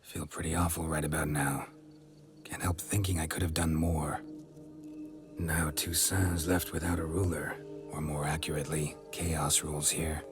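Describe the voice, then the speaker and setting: A gruff, tired hunter of monsters in a game, with a very deep voice and terse, muttered delivery. Clear music plays under his lines. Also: level tone, normal speed. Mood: weary. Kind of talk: video game dialogue.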